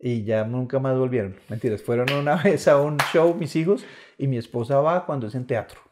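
A man's voice: mid-range voice, brisk, noisy background. A middle-aged man with a Colombian Spanish accent chatting casually as a comedian guest on a podcast, with frequent restarts. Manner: chatty, stammering restarts, laughs often.

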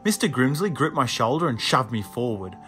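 A man reading a children's horror story aloud in a measured, suspenseful first-person narration, with music underneath. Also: medium pitch, very animated, a bit bright. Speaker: audiobook reader.

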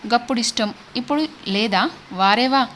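A hot-headed young village man snaps and threatens in rough, clipped dialect, as a woman narrator puts him on. The voice sits high and pushes loud, over a faint hiss of background noise. He sounds brash and quick to anger in this storybook reading. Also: natural voice. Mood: angry. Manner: aggressive, threatening, dialect speech.

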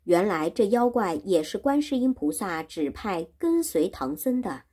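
A woman teacher reads a classic tale aloud and explains it for learners, repeating each line in simpler words. Her voice is mellow and slightly breathy, and her pitch moves in a lively way. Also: unhurried. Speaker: Chinese teacher.

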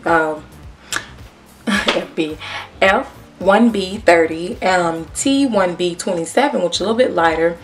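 A woman's voice: mid-range voice, recorded from a distance. A woman vlogger, chatting casually to viewers through a wig tutorial, with peppermint in her mouth. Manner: chatty, addresses viewers as y'all. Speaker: beauty vlogger.

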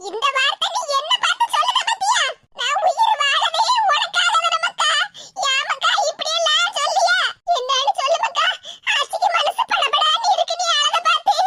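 Old cartoon granny, Tirunelveli Tamil accent, wailing and pleading, piercing high voice. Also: female voice, lively intonation, normal speed, sharp tone, heavily acted. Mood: fretful. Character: anxious doting old grandmother, loud and fussing. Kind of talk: cartoon voice acting.

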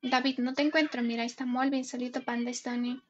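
Una mujer joven que transmite en directo un juego, charlando de forma juguetona y leyendo en voz alta los nombres de su chat. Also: female voice, high-pitched, level tone, quick pace, dull audio, crowd noise. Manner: chatty, playful, greets viewers and reads chat names aloud. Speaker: gaming live streamer. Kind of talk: casual live stream chat.

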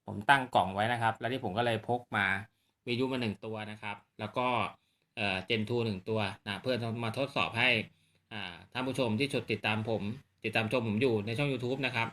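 On his own video channel, a man demos radio gear in a casual, hands-on way, explaining politely and often checking that viewers follow. His voice is medium-pitched, steady, a bit bright and a little fast.

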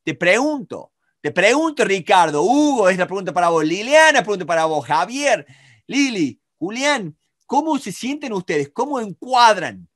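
A middle-aged man with an Argentine Spanish accent teaches negotiation in a live online class, lively and talking to students by name with frequent checks on whether they follow. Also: high voice. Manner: animated, talks to students by name, many rhetorical checks. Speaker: negotiation instructor.

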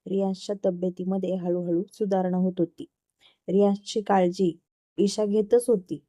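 A woman narrating a serialized love story, reading in a steady, plain manner. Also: mid-range voice, moderate pace.

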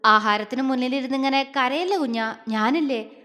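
A woman's voice: high-pitched, moderate pace, sharp tone, big-room sound. A woman voicing a tender, protective young man in an audio story, coaxing and affectionate.

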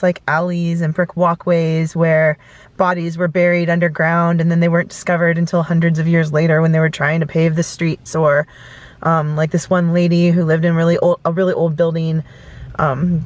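A woman's voice: on the low side, darkish tone, no room sound. Chatty woman vlogging from her car. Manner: chatty, rambling, many fillers. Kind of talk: casual storytelling. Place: inside a parked car at night. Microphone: camera close in front.

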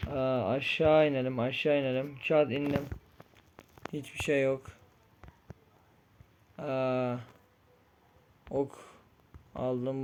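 A young man commenting on his own game play, frustrated and pleading, muttering one moment and yelling the next. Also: on the high side, highs cut off, a little hiss or hum. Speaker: gaming streamer. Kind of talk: Minecraft-style game commentary.

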